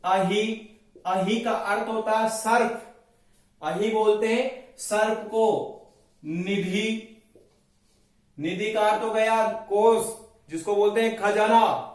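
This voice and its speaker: A man teaching Sanskrit grammar, slowly drilling and reciting word forms for his students. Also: sits high, steady tone. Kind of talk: classroom lecture with recitation. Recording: very echoey room, voice from a distance.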